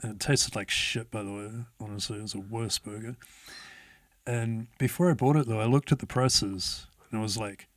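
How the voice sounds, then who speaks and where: A man's voice: fairly low pitch, fairly even intonation, normal speed, dry recording. A man, telling a story as an interview guest in a laid-back way, swearing often and laughing as he goes. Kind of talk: casual storytelling.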